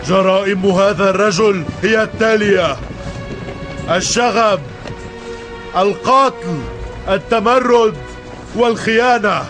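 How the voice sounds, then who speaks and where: Commanding Roman soldier, historical drama, high herald-style proclamation over score. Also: male voice, unhurried, long pauses, music in the background. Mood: stern, formal. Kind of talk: dubbed historical drama acting.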